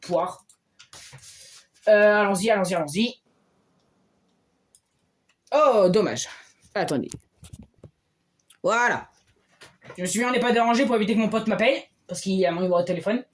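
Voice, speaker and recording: Excitable man cheering over a game. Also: high voice, a little fast, pauses often. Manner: excitable, bursts into loud cheers. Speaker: game streamer. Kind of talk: casual gameplay commentary.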